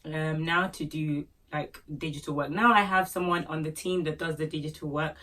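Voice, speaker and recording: Far from the mic, a Nigerian woman who owns a small business vlogs casually, offering tips with playful asides and filler words in her Yoruba accent. Her voice is low, steady, and a bit bright, at normal speed.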